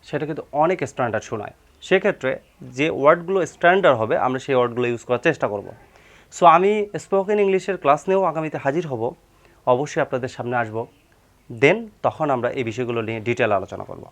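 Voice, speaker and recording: A man explaining vocabulary as a teacher, repeating words and leaning on the filler "হচ্ছে". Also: mid-range voice. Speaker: English teacher.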